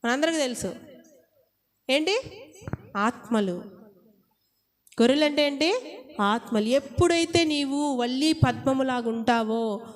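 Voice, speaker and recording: A woman's voice: high voice, animated, a little slow, pauses often. A woman preacher delivering an impassioned sermon, firing rhetorical questions at her congregation. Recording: long hall reverb.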